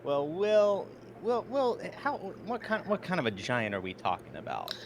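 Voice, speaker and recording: A man playing a wary, reluctant rogue in a tabletop game, halting and evasive. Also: fairly high pitch, wildly swooping pitch, voice pushed up. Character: wary, reluctant male rogue dodging a fight. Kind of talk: tabletop role-play. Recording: clearly noisy background.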